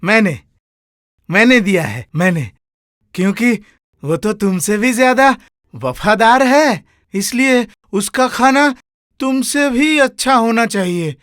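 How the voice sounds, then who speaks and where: An actor playing a mocking, bossy elder brother in a Hindi film drama. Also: male voice, very high voice, lively intonation, takes it slowly, fairly bright tone, no room sound, studio quality, heavily acted. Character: scheming elder brother, mocking servant-loving master.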